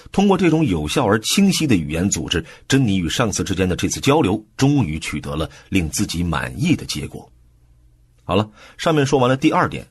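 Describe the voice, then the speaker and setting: Male audiobook explainer, very breathy and husky, lively, easygoing delivery. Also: sits low. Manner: relaxed explanatory, with soft filler particles. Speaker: audiobook book-summary narrator. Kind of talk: conversational book explanation.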